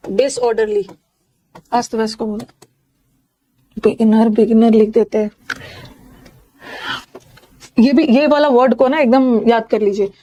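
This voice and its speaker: A woman's voice: high-pitched, a little mellow. A woman with an Indian accent teaching English synonyms in a live online class, explaining each word with jokes and memory tricks.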